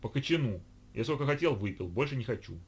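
A man reading a storybook, voicing a gruff middle-aged captain who answers in short, grumbling lines. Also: medium pitch, lively intonation, fast. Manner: curt, grumbling.

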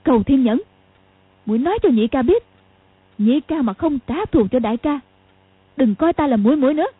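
A woman's voice: sits high, lively intonation, normal speed, breathy edge, no room sound, pitched above the performer's own voice. A woman voicing a bitter, vengeful crippled old woman with a harsh, scolding manner, for an audiobook. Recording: tinny lo-fi audio.

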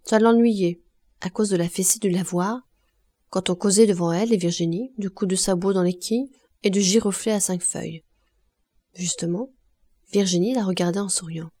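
A woman narrating a classic novel as an audiobook, reading in a measured, expressive way. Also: mid-range voice. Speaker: audiobook reader.

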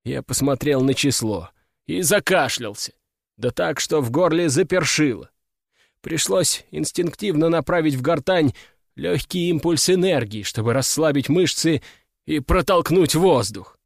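A man reading a first-person fantasy audiobook in a wry, even storytelling manner. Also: a little high, a little slow, vocal fry, dry recording, clean studio sound. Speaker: audiobook narrator.

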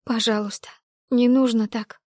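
A woman voicing a frightened young woman who pleads in a trembling voice while trying to stay calm, in an audiobook reading. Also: fairly high pitch, moderate pace, no echo, clean studio sound, lightly acted. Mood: pleading.

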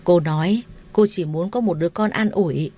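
Brief: woman narrator doing a low, scornful young husband, curt and dismissive, story reading. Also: normal speed, warm tone, close to an everyday voice.

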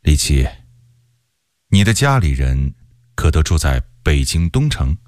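A man's voice: rumbling low, very animated, darkish tone, dry recording, clean studio sound, voice pushed down, heavily acted. A man voicing a grave, resolute old-time general. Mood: kindly. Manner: firm, grave and measured. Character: resolute loyal Ming general, middle-aged man.

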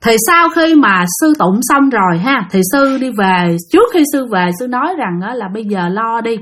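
A woman telling a spooky tale in relaxed, conversational style. She has a high voice and keeps turning to address her listeners directly. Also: normal speed. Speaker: storyteller. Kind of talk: casual spoken ghost story.

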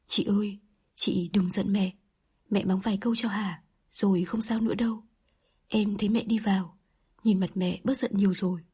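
A woman narrator voicing a soft-spoken younger sister in an audiobook. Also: mid-range voice, fairly even intonation, moderate pace, husky. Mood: soothing. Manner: soft, soothing.

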